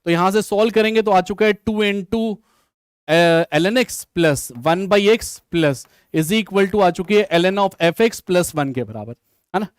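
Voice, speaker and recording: A man's voice: sits high, slow, smooth, no room sound, studio quality. A man teaching maths in Hindi with English terms, solving an exam question live and talking straight to his students. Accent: Hindi mixed with English maths terms. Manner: addresses students directly, reads comments, thinks aloud. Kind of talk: live online exam solution class.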